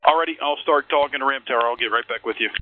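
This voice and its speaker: A man working as an air traffic controller, speaking halting instructions over air traffic control radio. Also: mid-range voice. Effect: radio transmission. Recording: tinny narrow-band aviation radio.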